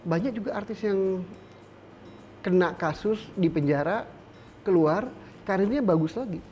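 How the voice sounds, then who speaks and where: Male interviewer, somewhat high mellow voice, probing, faint background noise. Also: a little slow, highs cut off. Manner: brief affirmations, probing follow-ups. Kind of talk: interview questions.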